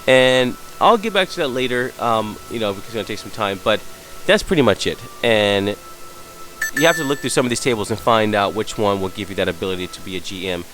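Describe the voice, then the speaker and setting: A hungover, sick man giving an unscripted software tutorial, hesitant and apologetic as he searches around. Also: on the low side, expressive, a little fast, soft background music, low-quality recording. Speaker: tutorial presenter.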